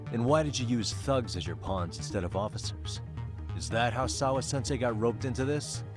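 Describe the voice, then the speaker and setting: An actor playing a blunt, dogged detective who challenges people informally in a video game drama. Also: male voice, mid-range voice, moderate pace, lightly acted. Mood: accusing. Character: blunt, dogged male detective confronting a shady official. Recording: music behind the voice.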